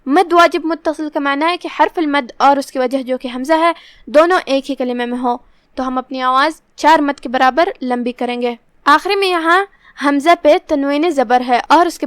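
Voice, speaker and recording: A woman teaching Quran recitation rules, explaining each point step by step in a steady teaching manner. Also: high voice, no echo, clean studio sound. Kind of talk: tajweed lesson.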